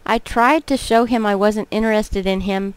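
A woman's voice: mid-range voice, fairly even intonation, moderate pace, clear, resonant tone, dry recording, rough recording. A woman casually reading a dating game's text aloud for a walkthrough, with small slips. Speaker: game commentator.

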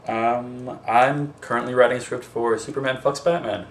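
Young man, comedy sketch, deadpan, indignant rants, roomy apartment sound, distant camera mic, music behind. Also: medium pitch, normal speed, a little hiss or hum. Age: young adult. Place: small apartment kitchen, indoors. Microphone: camera mic from across the room.

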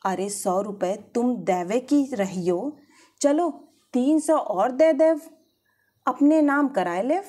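A woman voicing a shrewd, bossy old aunt who coaxes and scolds in a rustic way, with a husky voice. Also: a little high, animated, slow pace, a little mellow, pitched above the performer's own voice. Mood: coaxing. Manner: coaxing, rustic dialect.

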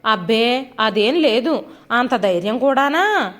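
Worn-out grumbling husband in a storybook, read by a woman, high voice. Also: animated, takes it slowly, fairly bright tone. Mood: irritated. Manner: irritated, placating. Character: weary middle-aged husband, irritable but reasoning.

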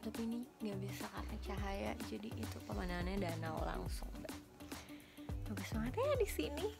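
A woman's voice: medium pitch, lively intonation, fairly quick. A young woman giving a casual house tour for her vlog, chatting and switching between languages. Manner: chatty, switches between Indonesian, English and Norwegian. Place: at a house by a lake in winter. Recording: background music mixed in clearly. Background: music.

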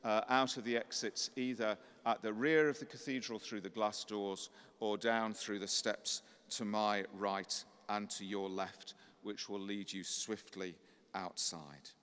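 A middle-aged clergyman gives a formal, courteous welcome address with gentle humor at a lectern microphone in a large cathedral, where long reverb trails each phrase. His low voice is slightly croaky but smooth and clear, unhurried, with fairly even intonation.

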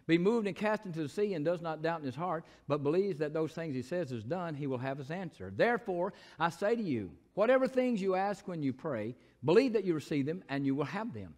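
A man with a Southern accent, a pastor preaching a sermon in church, moving between shouted scripture and quiet, folksy asides. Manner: preaching, swings from shouted proclamation to low asides. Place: church sanctuary.

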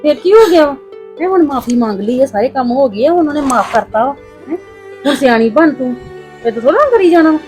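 A woman's voice: sits high, expressive, quick pace, darkish tone, soft background music. An actress playing a mother who pleads for her daughter and comforts her. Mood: soothing. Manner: soothing, pleading. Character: comforting older mother of the bride. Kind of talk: family drama acting.

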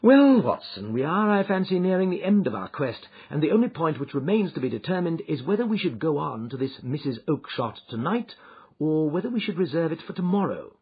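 A shrewd gentleman detective, as a male narrator plays him, bland and self-assured. He speaks in a lifted, very mobile voice with precise, courteous phrasing. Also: a little high, big pitch swings, a little fast, husky, dull audio, voice pushed up, heavily acted. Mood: amused, confident. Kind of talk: audiobook character voice.

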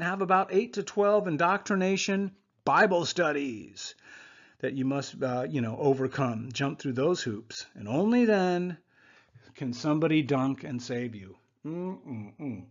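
A man giving a conversational Bible lesson over slides, often checking in with "okay?" asides. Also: on the high side. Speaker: Bible teacher. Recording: muffled lo-fi voice recording.

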